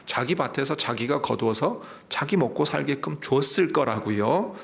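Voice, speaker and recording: A man's voice: mid-range voice, animated, normal speed, gravelly. A man, a pastor, preaching a Sunday sermon, retelling a parable with questions to the congregation. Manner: storytelling preaching with asides to the congregation.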